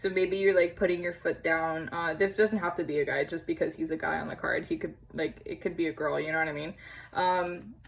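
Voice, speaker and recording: A woman's voice: low voice, steady tone, brisk, vocal fry, poor audio. Chatty young woman reading tarot. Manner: chatty, empathetic, lots of fillers and laughs. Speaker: tarot reader. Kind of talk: casual tarot reading to camera. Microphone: camera on tripod.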